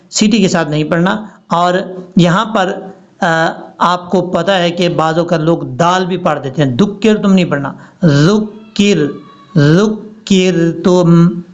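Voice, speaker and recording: A man teaching Quran recitation, chanting words slowly and drawn out between quick, plain explanations. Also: sits high, muffled recording. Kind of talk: recitation lesson.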